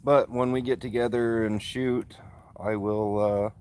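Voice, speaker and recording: A man with a monotone voice, hosting a casual live stream from his phone by a backyard fire and answering chat with easygoing fillers. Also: medium pitch, measured pace, clear, resonant tone. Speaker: livestream host. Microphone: phone, streaming from mobile.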